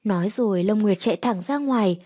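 A woman narrating a romance story aloud in a steady, measured reading. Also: medium pitch, dry recording, clean studio sound.

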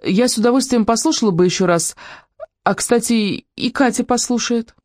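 An audiobook reader voicing an impulsive, warm-hearted schoolgirl who talks quickly and earnestly. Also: mid-range voice, animated, no room sound, studio quality. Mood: careful. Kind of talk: audiobook character reading.

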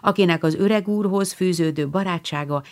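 Brief: woman audiobook narrator, measured and expressive, slightly low voice. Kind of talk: scripted narration.

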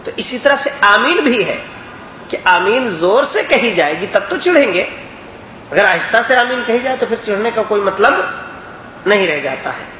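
A man's voice: high-pitched, sing-song. A man teaching a religious lesson, explaining points and asking his listeners if they understood. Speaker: hadith teacher. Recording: echoey, dull lo-fi recording with faint noise.

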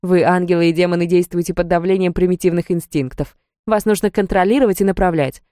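A woman's voice: fairly low pitch, fairly even intonation, fast, dark tone, dry recording, clean studio sound, lightly acted. A woman voicing a cold, scornful female archangel commander who talks in a mocking, condescending way, read as an audiobook character.

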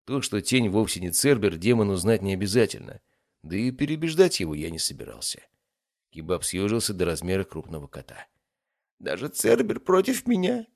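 Low-voiced male audiobook narrator. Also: very animated, a little fast, dry recording, studio quality.

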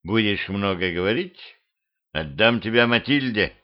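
A man's voice: lowish voice, lively intonation, unhurried, highs cut off. A man voicing a grumpy, jittery male graveyard watchman who grumbles and panics. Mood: boastful.

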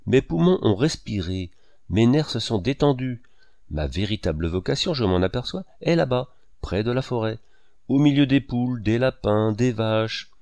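A man's voice: mid-range voice, lively intonation, moderate pace, a little mellow, no room sound, lightly acted. A man reading aloud, voicing a proud young writer who speaks with sarcasm and bitterness. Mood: mocking.

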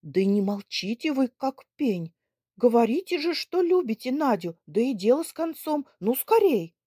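A brisk, practical young woman, as a woman reader puts her on, impatient and urging. The voice is husky and warm, and the recording is dry. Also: fairly high pitch, sing-song, no room sound, voice pushed up.

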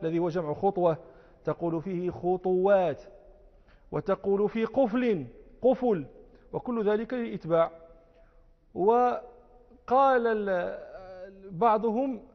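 A man teaching a classical religious text, explaining words and slowly repeating them for emphasis. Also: high voice. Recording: muffled audio with long hall echo.

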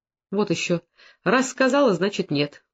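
A reader voicing a proud, sharp-tongued young village woman who answers curtly and mockingly, in an audiobook. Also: medium pitch, lively intonation, normal speed, close to an everyday voice. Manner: curt, mocking. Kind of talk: audiobook dialogue reading. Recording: dull lo-fi recording.

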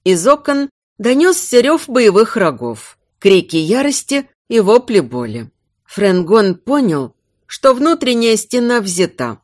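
Expressive woman reading an audiobook. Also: a little high, slow, no echo, studio quality. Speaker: narrator. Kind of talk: scripted audiobook narration.

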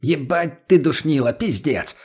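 A man's voice: on the high side, measured pace, darkish tone, slightly rough, pitched above the performer's own voice. A man voicing a foul-mouthed, brash young male thug who curses and needles everyone. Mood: cocky. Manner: cursing, cocky, needling.

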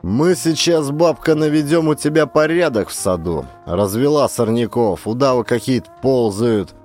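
A man voicing a cocky, blunt young man in an audiobook, gruff and mocking. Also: medium pitch, lively intonation, normal speed, darkish tone, faint music behind, lightly acted. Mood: brash. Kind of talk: audiobook character voice.

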